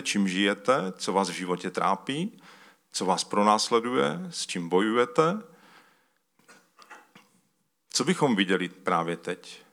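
A man's voice: lowish voice, a bit bright. Man preaching a conversational sermon. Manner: conversational, calls for slides mid-talk; uses loose spoken fillers and restarts. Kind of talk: sermon with scripture reading.

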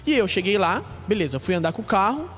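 A Brazilian man who is a podcast guest, telling a story in animated, casual and profane talk and acting out what other people said. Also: high voice, slight background noise. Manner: animated, profane, quick-talking; acts out other people's lines.

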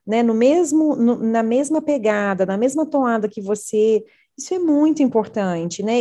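Earnest Brazilian woman with a mellow voice. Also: a little high. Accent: Brazilian Portuguese. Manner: earnest, animated storytelling. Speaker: parent educator. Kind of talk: conversational interview talk.

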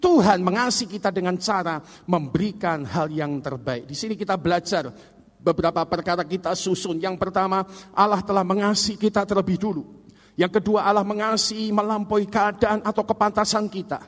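A male pastor preaches in a high, emphatic voice, now and then searching for the right word. His voice rings out with a long reverb through the church hall. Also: fairly even intonation, fairly quick. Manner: storytelling, emphatic, searches for words. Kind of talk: sermon.

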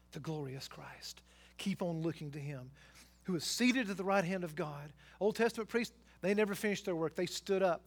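A man preaching a sermon as pastor, emphatic and exhorting, building to loud exhortations and rhetorical questions. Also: sits high.

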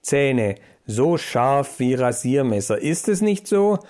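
A man's voice: medium pitch, very animated, takes it slowly, darkish tone. A man voicing a domineering male mouse boss who speaks in a sugary, coaxing voice. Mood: sugary rousing.

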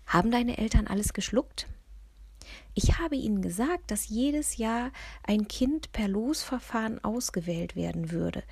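Woman doing a bubbly excited young girl. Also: fairly high pitch, unhurried, gravelly, husky, no echo, full character voice. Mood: conspiratorial. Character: excited cheerful young schoolgirl.

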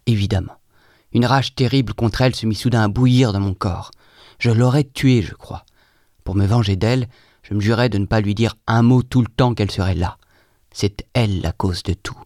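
A man with a fairly low voice reads a first-person novel aloud, dramatic and expressive. He moves from feverish cries to near-whispered murmurs. The sound is dry and close. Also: no room sound. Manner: expressive, swings from feverish outbursts to hushed murmurs. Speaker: audiobook narrator.

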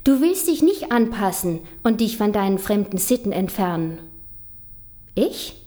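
A woman's voice: mid-range voice, sing-song, normal speed, dark tone. A woman with a Danish accent performing rhyming slam poetry, ironic and mocking, slipping into whispers for secret lines. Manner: rhythmic rhyming delivery with ironic, mocking emphasis. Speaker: spoken-word poet.

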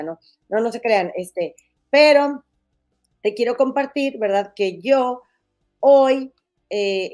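A woman's voice: medium pitch, darkish tone. Chatty Mexican woman with a head cold. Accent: northern Mexican. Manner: chatty, folksy, affectionate. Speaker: gossip podcast host. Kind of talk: casual chat.

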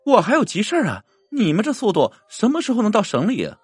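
Man doing a confident young woman, higher voice, pushy but cheery. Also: big pitch swings, brisk, no echo, soft background music. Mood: insistent. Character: calm young woman, mid-twenties, driving instructor.

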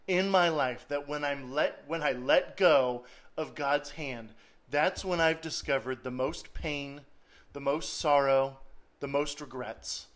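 A young man preaching a sermon, animated and laughing often, sometimes dropping to a soft hush. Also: on the high side. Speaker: pastor.

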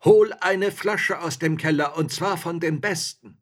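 A man voicing a gruff, threatening robber chief in a storybook reading, speaking in a menacing, shouting way. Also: fairly high pitch, lively intonation, takes it slowly, voice pushed up, heavily acted.

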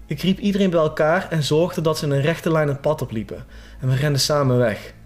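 A man reading a horror story aloud as a scripted narration, in a steady, suspenseful way. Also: fairly high pitch, a little fast.

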